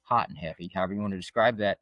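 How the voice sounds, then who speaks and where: A man's voice: sits low, racing, dry recording, lo-fi sound. A man hosting a hunting podcast, asking friendly, upbeat questions of his guest. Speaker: podcast host. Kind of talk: podcast interview.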